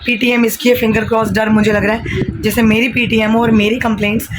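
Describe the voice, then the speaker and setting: A slightly hoarse woman in her thirties talks casually into a handheld phone while cooking, mixing in English phrases. Her voice sits fairly high. Plenty of household noise runs behind her. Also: level tone, a little fast. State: hoarse from shouting. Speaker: vlogger and home tutor. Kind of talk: casual chatty home vlog. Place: home kitchen.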